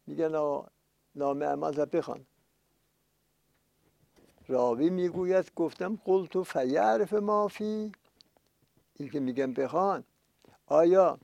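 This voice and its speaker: A gravelly, creaky older man delivering a sermon, his tone dark and mellow. He recites quoted passages slowly and with weight, then explains them in emphatic, building lists. The sound is close and dry. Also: a little high, no room sound. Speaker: cleric preacher. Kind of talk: religious sermon with Arabic quotations.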